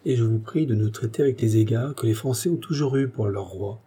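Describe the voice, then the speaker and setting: A dignified king who speaks with measured solemnity, as a male narrator puts him on. The voice is low-key and mellow, with a husky grain. It is an audiobook reading. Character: dignified fugitive king, a middle-aged man.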